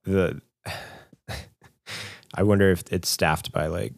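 A young podcast co-host speaks slowly with a low voice, vocal fry and fairly even intonation. His casual talk rambles through lots of fillers and restarts, recorded at studio quality without room sound.

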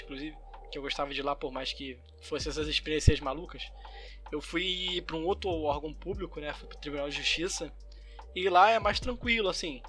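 High, bright-voiced Brazilian man telling stories. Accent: Brazilian Portuguese. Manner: animated storyteller acting out the people in his stories. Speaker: podcast co-host. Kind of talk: casual chat, anecdote telling.

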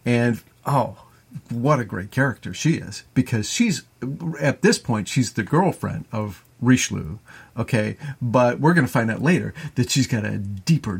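A man's voice: fairly low pitch, creaky, breathy edge. A man co-hosting a podcast, recapping a classic film in casual, rambling talk full of fillers and restarts. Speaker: podcast co-host.

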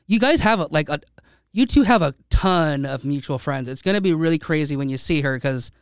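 Brief: male podcast host, smooth resonant voice, a bit high, rambling casual chat. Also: expressive, brisk, no echo, clean studio sound. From United States. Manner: rambling, with many restarts and fillers. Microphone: studio microphone.

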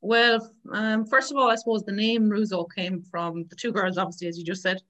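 A woman's voice: medium pitch, flat delivery, a little fast, fairly bright tone, lo-fi sound. A woman in her thirties with a west of Ireland accent, telling her story informally as an interview guest. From Galway, Ireland. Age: 30s. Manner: informal, chatty, often quoting past exchanges.

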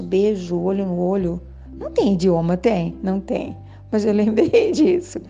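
An older woman, telling memories at home in a gentle, musing way, with soft laughs and little asides to the listener. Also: medium pitch, lo-fi sound. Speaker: vlogger. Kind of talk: reflective storytelling monologue. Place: home, indoors.

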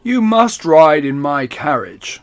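A man's voice: a little high, sing-song, slow pace. A man playing a gracious, commanding king. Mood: regal.

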